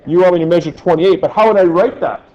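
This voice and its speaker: A man's voice: sits high, fast talker. Jokey male teacher in an echoey classroom. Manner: jokey, keeps checking in with "right?". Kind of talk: classroom lecture. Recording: echoey, dull lo-fi classroom recording.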